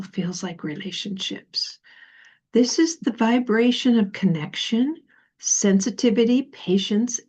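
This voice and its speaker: A woman leading a guided meditation in a gentle, soothing, unhurried voice with pauses between phrases. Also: mid-range voice, husky, dull audio.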